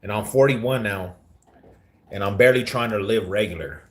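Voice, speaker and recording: A man's voice: fairly low pitch, moderate pace, fairly bright tone. A man in his forties telling his story on a casual live stream, slangy and repeating himself, calling the listener bro. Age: 40s.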